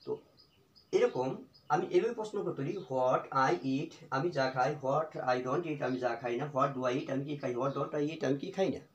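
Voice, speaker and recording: Middle-aged male teacher, patient and repetitive, somewhat high voice, roomy echoey sound. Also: lo-fi sound. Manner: slow repetitive drilling of example phrases. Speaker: English teacher. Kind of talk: spoken English lesson in Bengali. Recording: echoey room.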